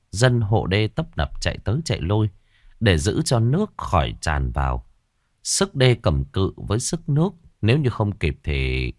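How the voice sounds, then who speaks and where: A man narrating a ghost story as a storyteller, slow and expressive. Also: low-pitched, no echo, studio quality.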